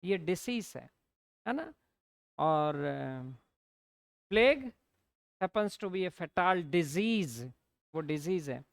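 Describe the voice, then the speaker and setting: Slow-spelling Hindi-woman teacher. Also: on the low side, big pitch swings, gravelly, no room sound, clean studio sound. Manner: explains in Hindi mixed with English, slowly spells out words, asks "है ना?" often. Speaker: English teacher. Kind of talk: classroom lecture.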